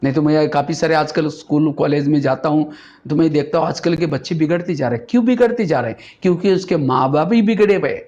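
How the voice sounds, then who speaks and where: A spiritual speaker with a higher-pitched, darkish voice talks fast, telling stories and asking rhetorical questions. The recording is dull and lo-fi.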